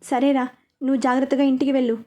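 A woman voicing a sharp-tongued, suspicious young woman who is an elder sister in a story. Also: sits high, little pitch movement, fast talker, close to an everyday voice.

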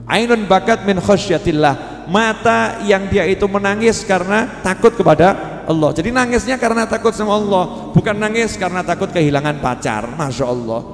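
Male preacher with a Javanese accent, folksy and joking, fairly high voice, roomy reverberant hall sound. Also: animated, moderate pace. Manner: folksy and humorous, mixing in Javanese words. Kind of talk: sermon. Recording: echoey hall with music.

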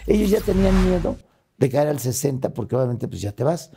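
A man's voice: mid-range voice, sing-song, a little fast, vocal fry, dark tone, slight background noise. An older man with a Mexican accent, a guest in a casual interview, retelling a hard time in an earnest, emotional way.

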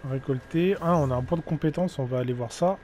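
A man's voice: on the high side, quick pace, slight background noise. A man giving casual commentary as he plays a video game and reads out its prompts. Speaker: gaming video host. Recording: loud game music behind.

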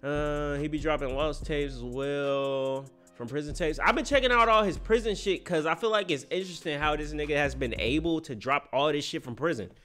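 A young man talks casually on his stream, his voice sitting a little high for a man. He wonders aloud in loose, slang-heavy talk full of swearing. He is close to a desk microphone in a small room at home. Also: moderate pace, hardly any pauses, fairly bright tone, faint music behind. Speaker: streamer reacting to music. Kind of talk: casual reaction commentary. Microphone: close studio microphone on the desk.

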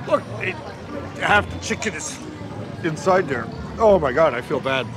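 High-pitched squeamish man vlogging with music behind. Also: expressive, moderate pace. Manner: exclamatory, squeamish, hesitant. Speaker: vlog host. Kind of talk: casual food challenge vlog. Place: outdoor street food stalls at night. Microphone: clip-on lapel mic. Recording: busy outdoor street, music behind.

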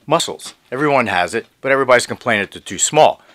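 A man in his fifties walking around his basement gym, talking into a phone at arm's length, mocking a money guru's sales pitch with deadpan boasts. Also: fast. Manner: mock-earnest guru salesman, deadpan boasting; walks around while talking. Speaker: fitness vlogger. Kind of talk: parody sales pitch to camera. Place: home basement gym, indoors. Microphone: phone camera at arm's length.

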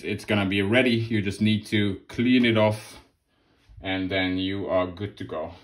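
In an indoor hobby workspace, a relaxed man with a fairly low-pitched voice hosts a casual, hands-on model-making tutorial. He explains the craft in loose phrasing with many restarts.

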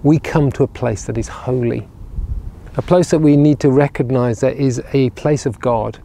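A creaky, dark, mid-range voice at a moderate pace belongs to this regional minister, who preaches earnestly to camera outdoors. He's by ruined castle walls on a sunny day, recorded with a clip-on lapel mic, and he tends to repeat words as he builds toward a point.

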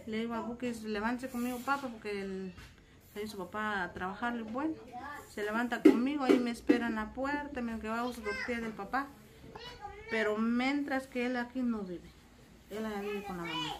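A woman's voice: on the high side, noisy background. A woman, telling her family story in a casual interview and acting out many quoted exchanges. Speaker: interviewee, mother.

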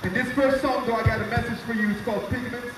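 A man's voice: very high voice, steady tone, fast talker. A man from Senegal, a rapper addressing a crowd live on a mic in an outdoor plaza at night, rousing them between songs. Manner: rousing, call-and-response crowd hype. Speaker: rapper and singer performing. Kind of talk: live stage talk to a crowd. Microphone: handheld mic through speakers, filmed from afar. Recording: echoey outdoor PA, far phone camera. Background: loud backing music.

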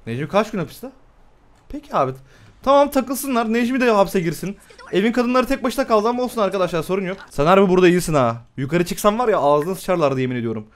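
A young man giving excitable live commentary on a game, swearing often and laughing a lot. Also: high-pitched, fast talker. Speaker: gameplay streamer.

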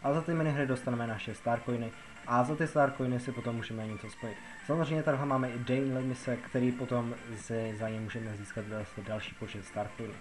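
A Czech man narrates a casual game tutorial, rambling and repeating himself with plenty of filler words. His mid-range voice stays fairly even in intonation, and background music adds to a noisy backdrop.

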